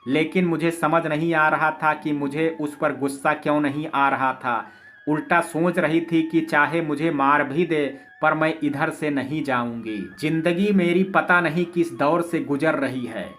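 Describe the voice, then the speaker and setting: A man tells a first-person story as a scripted narration. His delivery is calm and even, and his voice sits a little higher than most men's. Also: a little slow, a little hiss or hum.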